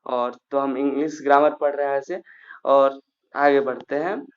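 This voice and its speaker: A man's voice: mid-range voice, fairly even intonation, moderate pace, lo-fi sound. A man teaching a grammar lesson, explaining step by step with fillers and restarts.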